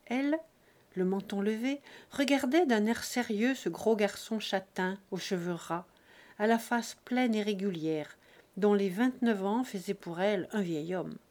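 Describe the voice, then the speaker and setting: A woman narrating a classic novel as an audiobook, in measured, expressive phrasing with short breath groups. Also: medium pitch. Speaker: audiobook reader.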